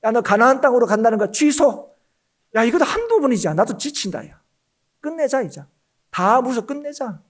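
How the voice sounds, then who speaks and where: A man's voice: very high-pitched, very animated, moderate pace, full character voice. A male pastor voicing God as weary and exasperated with his people, in his own preaching voice. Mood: fed up.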